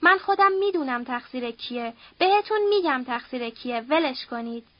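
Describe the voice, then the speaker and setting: A woman's voice: high voice, lively intonation, no room sound, muffled recording. A woman reading an audiobook, voicing a desperate young widowed daughter who begs and weeps. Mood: pleading. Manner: pleading, tearful, begging.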